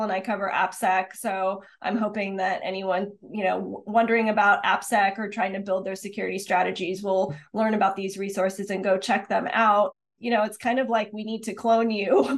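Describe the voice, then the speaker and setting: A woman hosting an interview show, chatting casually and praising her guest with enthusiasm. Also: medium pitch. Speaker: podcast host.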